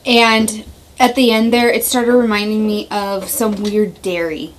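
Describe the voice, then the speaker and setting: A chatty woman hosting a casual snack taste-test, giving blunt opinions at a middling pitch. There is a faint hiss behind her voice. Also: level tone, a little slow. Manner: chatty, blunt reactions, frequent laughs. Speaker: vlog host.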